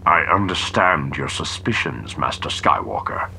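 A man voicing a desperate male Sith high lord whose helmet gives his voice a droning sound, often hushed and whispery. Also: big pitch swings, measured pace, gravelly, a little hiss or hum, full character voice. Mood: menacing hush. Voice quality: droning through a helmet voice box. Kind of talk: audiobook character voice.

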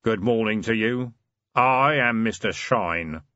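A man doing a deep, grave hooded stranger. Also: bright, forceful tone, no echo, dull audio. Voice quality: deep, measured and solemn. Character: hooded broad male stranger, grave and mysterious.

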